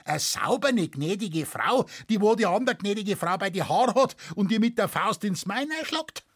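A man voicing a burly, gruff forest warden who talks bluntly in an earthy Bavarian accent in a storybook reading. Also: sits high, animated, moderate pace, fairly bright tone, dry recording, clean studio sound, voice pushed up, full character voice. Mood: aggrieved. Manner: blunt, earthy dialect, drawling complaints.

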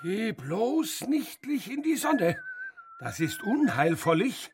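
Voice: medium pitch, huge pitch swings, slow pace, noisy background. A performer voicing an old male troll grandfather with a long beard, cautious and wavering, in an audio storybook. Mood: fussing. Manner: wavering, odd invented grammar.

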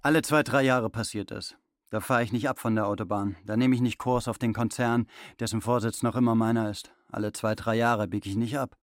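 An actor playing a company chairman in a literary radio play, speaking in a restrained, measured way. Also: on the low side, fairly even intonation, no echo, studio quality, natural voice. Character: driven male company chairman hiding breakdowns.

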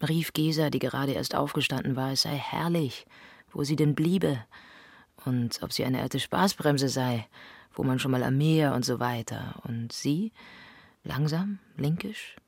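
A woman's voice: a bass voice, unhurried, creaky, darkish tone, husky, dry recording. A woman delivering a literary first-person monologue in an intimate, often half-whispered voice. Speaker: narrator.

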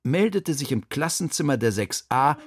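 A man narrating a children's mystery story in an animated, suspenseful way, close to a studio mic. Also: mid-range voice, moderate pace.

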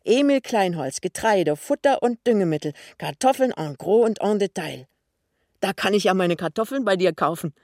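A man's voice: high voice, fast talker, hardly any pauses, dry recording, studio quality, voice pushed up, close to an everyday voice. A man voicing a cheerful, practical and stubborn young woman in an audiobook. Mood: surprised.

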